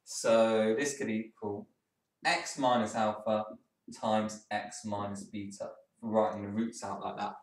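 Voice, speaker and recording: A man's voice: lowish voice, flat delivery, a little slow, recorded from a distance. Casual male tutor in an echoey room. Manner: casual, thinks aloud, frank asides. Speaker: maths tutor. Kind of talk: exam walkthrough lesson.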